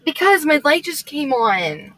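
Young woman teasing and giggling, high voice, slow and bright. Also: sing-song, no echo. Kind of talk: casual prank talk.

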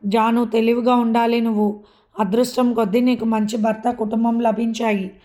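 A woman voicing a caring middle-aged friend who consoles and advises, in a mellow, flat voice. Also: on the high side, moderate pace, close to an everyday voice. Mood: consoling.

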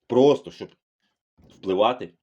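Middle-aged male commentator, profane and sarcastic rant, dark mellow voice, muffled recording. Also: lowish voice, a little slow. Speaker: political commentator. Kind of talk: ranting monologue.

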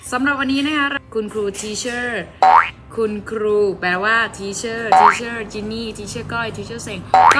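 A woman English teacher with a Thai accent, a native Thai speaker, leading a children's vocabulary lesson with slow, drawn-out word drills. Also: a little high.

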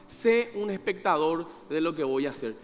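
A man's voice: a little high, lively intonation, moderate pace, big-room sound, faint music behind. A man, a pastor preaching a sermon in a conversational way, asking the congregation questions and acting out little scenes of dialogue. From Paraguay. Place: church hall.

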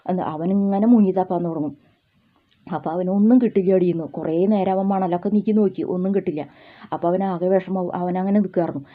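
A woman, telling a children's folk tale in a homely, repetitive way. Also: mid-range voice. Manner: homely, repetitive, with many fillers and restarts. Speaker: storyteller. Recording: tinny phone-like sound.

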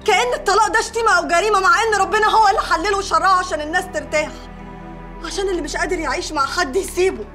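An actress with an Egyptian accent playing a divorced woman who pours out a bitter, rapid complaint in a TV drama. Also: extremely high pitch, over music. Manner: bitter, fast, pleading monologue. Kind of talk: TV drama dialogue.

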